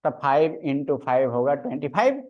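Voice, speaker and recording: A woman's voice: very deep voice, very animated, a little fast, dull audio. A woman teaching a grammar lecture, methodically counting aloud and drilling each sound one by one. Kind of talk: online lecture.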